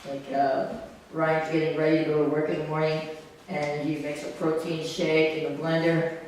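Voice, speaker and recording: A man's voice: on the high side, monotone, moderate pace, a little mellow. A man hosting an open mic, telling a story in a loose, rambling way full of fillers. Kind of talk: live stand-up storytelling. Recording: echoey venue, mic at a distance, faint noise.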